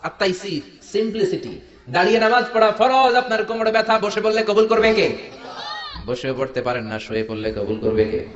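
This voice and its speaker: A man with a Bangladeshi Bengali accent preaching a sermon, jokey and animated, firing rhetorical questions at the crowd. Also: high-pitched, fairly quick. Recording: echoey hall, dull lo-fi sound.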